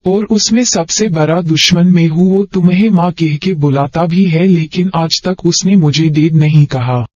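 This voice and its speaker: A man's voice: on the high side, measured pace, hardly any pauses, dry recording. A man reading the part of a greedy, furious father who runs a business, speaking harshly. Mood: bitter. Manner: shouting, harsh. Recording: dry, dull lo-fi.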